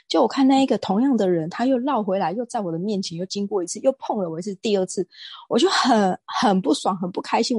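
Woman, interview guest, outspoken and animated, breathy low voice, dry close recording. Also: no echo. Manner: outspoken, self-described fiery temper; animated storytelling. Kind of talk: casual interview talk.

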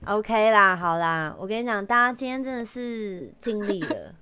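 A woman hosting a podcast, telling jokes in casual chat, chatty and quick to laugh. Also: mid-range voice, expressive, pushed and bright, clear, resonant tone. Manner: chatty, laughs often, earnest. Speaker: podcast host. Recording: remote recording, limited quality.

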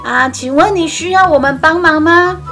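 Kindly fussing monkey mom, a woman acting her, chatty, high and bright. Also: moderate pace, faint music behind, full character voice. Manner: chatty, fussing, many fillers.

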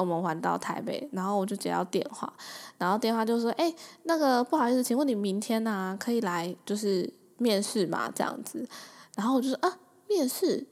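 A woman in her twenties from Taiwan, a podcast host telling a personal story in a casual, chatty way, laughing often and acting out the dialogue she quotes. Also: mid-range voice.

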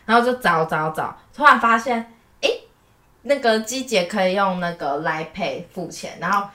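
A woman from Taiwan with a Taiwanese Mandarin accent co-hosts a podcast, animatedly telling her own stories in casual chat and often laughing at herself. Her voice is medium-pitched, bright and forceful at a moderate pace, in a reverberant space.

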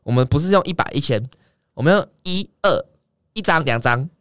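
Speaking as a guest, this young adult man rattles off an animated anecdote in a casual conversation, cursing freely as he goes. His voice is a little high with a clean tone, captured in a dry, studio-quality recording.

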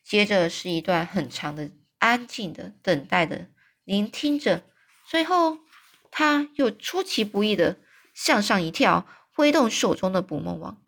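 A woman telling a children's story aloud in a chatty way, padding lines with soft filler particles. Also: mid-range voice, very animated, a little slow, vocal fry.

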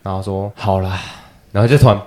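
A man's voice: on the low side, fairly even intonation, very fast, warm tone. A man co-hosting a casual podcast chat, telling a story and acting out the quoted phone talk, with a Taiwanese Mandarin accent. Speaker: podcast co-host.

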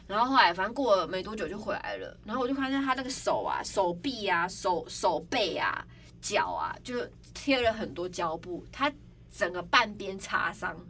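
A young woman hosting a podcast, telling stories in a casual, animated way and acting out other people's cries. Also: mid-range voice, normal speed. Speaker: podcast host. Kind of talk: casual storytelling chat. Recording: slightly distant mic, faint background noise.

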